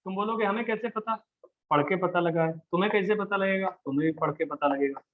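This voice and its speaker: A man's voice: sits high, fairly quick. A male chemistry teacher giving a live classroom lecture, chatty and teasing, often checking in with his students. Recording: dull lo-fi class recording.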